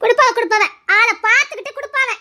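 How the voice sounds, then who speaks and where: A very high, quick-talking woman with a complains on and on, tearful and aggrieved, as an actress plays her. Her words tumble out in a run of grievances in a web series drama. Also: pushed and bright, heavily acted. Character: grumbling woman complaining about her household to a sister-in-law.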